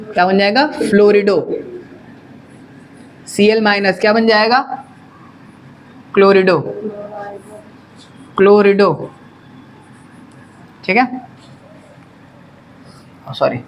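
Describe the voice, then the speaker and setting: A man's voice: sits high, slow pace, pauses often, muffled recording, slight background noise. Man teaching chemistry to a class. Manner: quizzing students, answering own questions. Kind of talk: classroom lecture.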